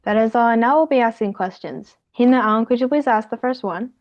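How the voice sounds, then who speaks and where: A woman's voice: a little high, fairly quick. A young woman reading out a prepared talk as a student presenter in a class. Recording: dull lo-fi sound.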